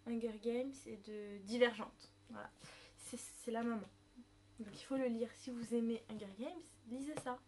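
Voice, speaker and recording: A woman's voice: a little high, fairly even intonation, moderate pace, darkish tone, slight background noise. A woman, presenting a book review on her vlog in a chatty way, with many fillers and self-corrections. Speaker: book vlogger.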